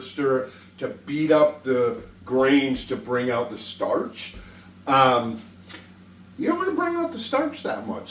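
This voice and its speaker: Roomy, distant-miked man hosting a folksy cooking demo. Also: mid-range voice. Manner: folksy, joking, profane. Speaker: cooking show host. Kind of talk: casual cooking demonstration. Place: indoor kitchen. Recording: roomy, distant mic, faint kitchen noise.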